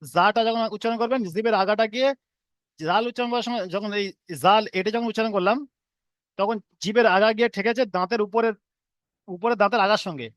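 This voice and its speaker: A man's voice: high-pitched, steady tone, fast talker, a bit bright, clean tone, no echo. A man teaching an online class, patiently repeating and drilling each letter sound for his students.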